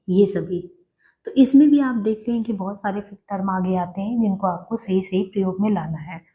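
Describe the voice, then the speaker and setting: A woman teacher walks students through correct spelling, saying each word twice and pausing to check they follow. Her voice is mellow and soft-edged, and her pitch sits in an ordinary middle range. She sounds patient and steady. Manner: patient, repeats each word slowly, frequent "है ना". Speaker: Hindi teacher. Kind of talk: exam-prep spelling lesson.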